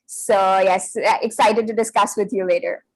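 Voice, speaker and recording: A woman's voice: mid-range voice, steady tone, normal speed, no echo, low-quality recording. A woman in her twenties, originally from India, introducing herself as a student fluently, with small fillers. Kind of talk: self-introduction.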